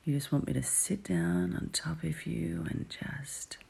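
A woman murmurs close and slow in a very breathy, husky whisper that often drops into a gravelly fry. Her delivery is soft and teasing, with long drawn-out hums between phrases. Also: sits low. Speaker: audio roleplay performer. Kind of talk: intimate whispered roleplay audio.

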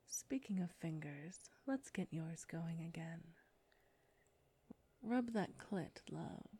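A woman voicing a seductive, predatory female succubus in an audio roleplay, speaking in a breathy whisper with a slow, taunting manner. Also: mid-range voice, dark tone, exaggerated voice. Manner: slow, taunting, close to the ear.

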